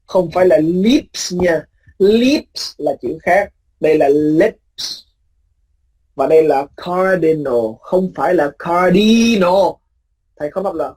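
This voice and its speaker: Husky-voiced male teacher explaining phonetics. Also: fairly high pitch, dark tone, poor audio. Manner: explains patiently, drawing out example words slowly; repeats points for emphasis with tag words. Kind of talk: recorded phonetics lecture.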